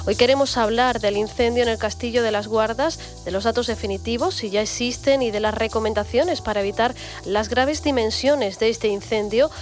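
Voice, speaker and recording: A woman reading the news and interviewing on local radio in a clear, measured way. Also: a little high, faint music behind. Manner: clear, measured newsreader delivery.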